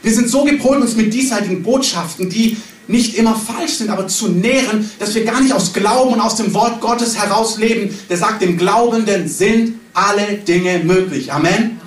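A man's voice: sits high, normal speed. A man giving a charismatic sermon in an emphatic, conversational way, recorded by a distant mic in a hall. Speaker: preacher. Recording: echoey hall, distant mic, faint room noise.

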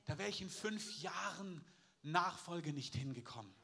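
A man's voice: a little high, expressive, unhurried, creaky, pushed and bright. A man pastor preaching a sermon, emphatic, repeating phrases and calling for amen.

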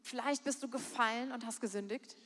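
A woman's voice: a little high, fairly quick, fairly bright tone. A woman interpreting a sermon live into German, earnest, stopping with fillers as she searches for words. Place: church hall. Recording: long hall reverb.

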